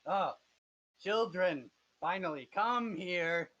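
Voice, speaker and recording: A man's voice: high voice, animated, slow pace, bright, forceful tone, voice pushed up, full character voice. A man doing a haughty floating villain master. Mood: beckoning. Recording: dull lo-fi mic.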